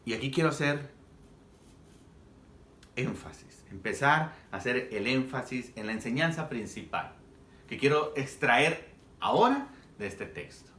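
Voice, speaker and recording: A man's voice: medium pitch, lively intonation, a little slow, pauses often, pushed and bright. Man, pastor, sermon, dramatic storytelling, reverberant hall sound. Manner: dramatic storytelling, acting out quoted dialogue.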